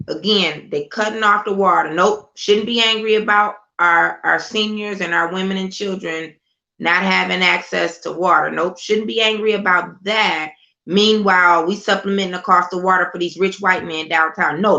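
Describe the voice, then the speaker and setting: Fiery, gravelly woman ranting. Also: lowish voice, bright, forceful tone. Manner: fiery, sarcastic, repeats rhetorical questions. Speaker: political commentator. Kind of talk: impassioned political monologue. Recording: slightly dull lo-fi recording.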